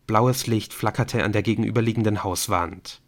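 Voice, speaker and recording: A man narrating a thriller audiobook in a steady, measured way. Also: lowish voice. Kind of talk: scripted narration.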